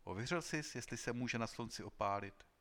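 A man voicing an aged mechanical man, a great engineer who speaks calmly and with fatherly sorrow, in a dramatized audiobook reading. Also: mid-range voice, natural voice. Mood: sorrowful. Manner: calm, fatherly, heavy-hearted.

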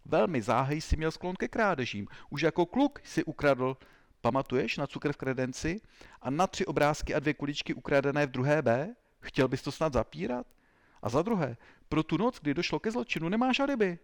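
A man voicing a zealous, self-important male police agent who shouts accusations in an interrogation. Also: fairly high pitch, animated, pitched above the performer's own voice. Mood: bullying.

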